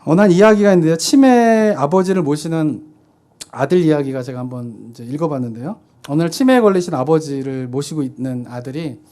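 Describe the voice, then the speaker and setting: A man's voice: on the high side, a little mellow. A man in his thirties preaching a sermon in a conversational way, often posing rhetorical questions and answering them himself. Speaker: pastor. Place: church sanctuary.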